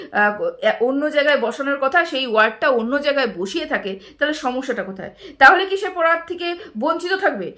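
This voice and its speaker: A middle-aged woman talks in a bright, high register. She delivers casual commentary from home. Her tone is scolding and indignant, and she keeps throwing out rhetorical questions. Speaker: YouTube commentator. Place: home, indoors.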